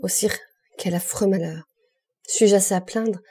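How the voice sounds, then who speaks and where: A woman's voice: medium pitch, measured pace, darkish tone, breathy edge. A woman voicing a frightened, stammering male police minister in an audiobook. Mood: fearful. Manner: stammering, despairing.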